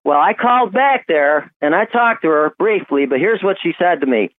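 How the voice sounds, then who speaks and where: A man's voice: fairly high pitch, lively intonation, normal speed. A male caller to a talk radio show, heard on speakerphone, speaking emphatically and building up steam. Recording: tinny phone line on speakerphone.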